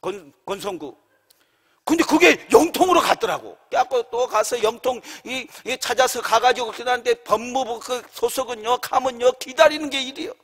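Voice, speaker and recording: High-voiced pastor in a reverberant hall. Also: male voice, moderate pace, breathy edge. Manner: animated retelling, heated and shouting at times. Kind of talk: sermon storytelling. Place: church sanctuary.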